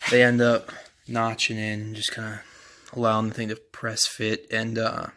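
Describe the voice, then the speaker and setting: Young male home mechanic, casual how-to talk, monotone, chatty and unhurried. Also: fairly low pitch. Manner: relaxed, rambling, many fillers. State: out of breath. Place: home garage.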